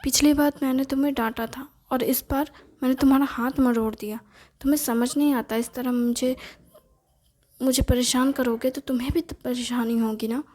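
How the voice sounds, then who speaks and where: Storybook hero, a brooding young man who mutters his doubts aloud and turns curt with friends, voiced by a woman in a high register. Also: steady tone, normal speed, a little mellow, low-quality recording. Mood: stern. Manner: muttering to himself, then curt and cold.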